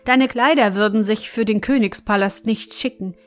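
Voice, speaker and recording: A woman voicing a young prince in a fairy tale, speaking calmly and reassuringly. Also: mid-range voice, moderate pace, close to an everyday voice. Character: young prince, kind and caring.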